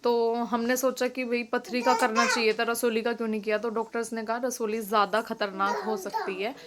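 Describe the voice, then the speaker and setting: A woman's voice: a little high, flat delivery, fairly quick, background noise. A young woman talking casually in a home vlog, explaining at length with many fillers and restarts. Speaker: vlogger.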